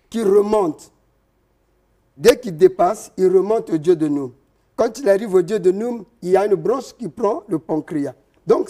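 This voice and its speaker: A man, a traditional healer interviewed as a guest, explaining slowly and step by step with hesitations. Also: sits high, warm tone. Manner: slow, didactic, explaining step by step with many hesitations.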